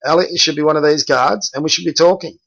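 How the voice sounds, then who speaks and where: A man's voice: on the high side, fast talker, creaky, fairly bright tone, poor audio. A middle-aged man, a basketball coach reviewing game film and bluntly correcting his players by name.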